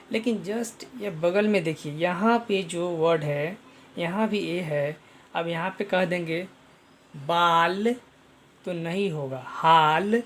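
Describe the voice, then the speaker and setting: A man's voice: high-pitched, slight background noise. A man teaching an online pronunciation lesson, spelling out letters and repeating each sound, often addressing viewers as friends.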